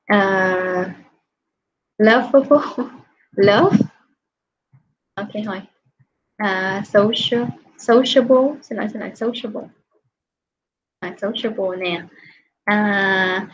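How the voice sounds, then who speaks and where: A woman's voice: medium pitch, muffled recording. Vietnamese woman teacher coaching pronunciation. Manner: switches between English and Vietnamese, drills pronunciation. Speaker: English teacher. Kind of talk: correcting a student's speaking practice.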